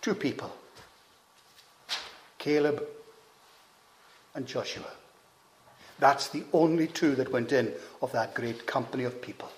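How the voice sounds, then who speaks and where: A man preaching a sermon, slow and measured, with emphatic rises and hushed drops on key phrases. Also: mid-range voice, slight background noise.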